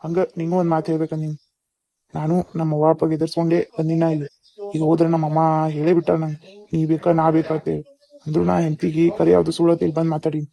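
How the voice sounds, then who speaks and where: Cartoon elder, calm and advising, North Karnataka accent, flat and dark; male actor. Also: on the high side, quick pace, creaky. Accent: North Karnataka Kannada. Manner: advising, steady. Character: older father-in-law, calm and wise. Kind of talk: cartoon voice acting.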